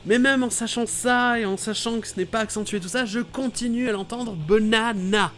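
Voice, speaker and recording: A man hosting a playful scripted explainer about English vowel sounds, talking with lively enthusiasm. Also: very high-pitched, brisk. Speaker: YouTube host explaining English pronunciation.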